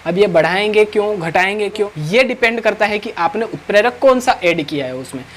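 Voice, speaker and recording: A man's voice: sits high, animated, fairly quick, a bit bright, a little hiss or hum. Man teaching, with constant "right?" checks. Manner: asks rhetorical questions and answers them, with constant "right?" check-ins. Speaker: chemistry teacher. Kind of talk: online classroom lecture.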